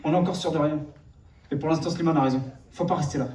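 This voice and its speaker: An actor playing an earnest, evasive cop in a screen drama, with a fairly high male voice. He explains and placates, heard a little way off in an echoey room. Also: fairly even intonation, quick pace, darkish tone, lightly acted. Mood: apologetic, explaining. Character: earnest, evasive policeman under pressure. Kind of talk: naturalistic film drama acting. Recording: echoey room, distant from the mic.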